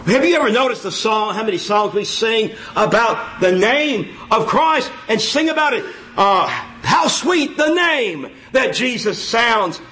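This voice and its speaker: Folksy and self-deprecating, a high-pitched man gives a loose, informal sermon inside a church. He exclaims loudly and circles back to the same phrases again and again.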